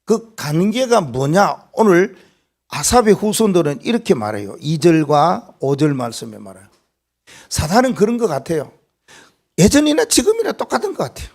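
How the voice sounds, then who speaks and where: Animated Gyeongsang-accented male pastor. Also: on the high side, moderate pace. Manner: animated, asks the congregation rhetorical questions. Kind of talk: sermon.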